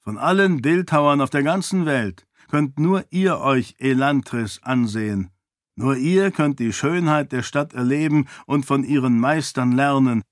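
An earnest young prince pleads and persuades, as a man reading the book voices him. His voice lifts higher as he argues. The sound is dry and close. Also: a little slow, dry recording, close to an everyday voice. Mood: urgent persuasion.

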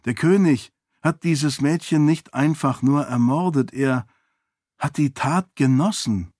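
A man voicing a sharp-witted young royal woman in an audiobook, lifting his voice and talking with quick self-assurance. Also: a little high, no room sound, clean studio sound, pitched above the performer's own voice. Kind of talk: audiobook character voice.

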